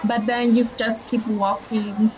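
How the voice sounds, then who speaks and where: Slow-speaking young woman from Ecuador. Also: on the high side, little pitch movement, darkish tone. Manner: hesitant, with fillers and restarts. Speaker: podcast guest, architecture graduate student. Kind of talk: casual interview answers.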